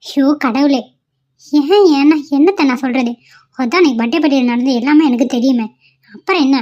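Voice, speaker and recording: Cartoon wife, brisk and exasperated, high-pitched, woman voicing, muffled audio. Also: dark tone, lightly acted. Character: young married woman, fed up and firm. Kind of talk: amateur cartoon voice acting. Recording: dull lo-fi audio.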